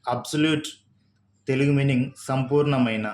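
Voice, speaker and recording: A man with a Telugu accent gives a slow English vocabulary lesson, reading each word, spelling it out letter by letter, and explaining its meanings. His voice is medium-pitched and darkish, with fairly even intonation.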